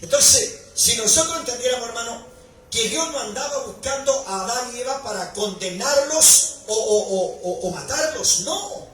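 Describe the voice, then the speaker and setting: A male pastor preaching a sermon, building to shouted emphasis at key points. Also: very high voice, animated, moderate pace, soft background music. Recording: echoey hall recording from far off, faint noise.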